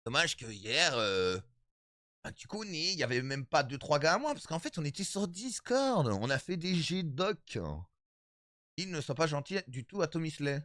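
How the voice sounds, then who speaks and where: Animated 35-year-old male streamer. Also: a little high, moderate pace, dry recording, clean studio sound. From Italian background. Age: 30s. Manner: animated, repetitive, addresses chat as brothers. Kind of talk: casual stream chat to viewers.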